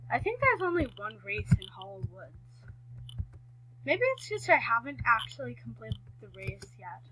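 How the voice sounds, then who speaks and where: Woman gaming vlogger, bright slightly high voice, rambly casual commentary, keeps cutting herself off. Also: poor audio. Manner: rambling, self-correcting, many fillers.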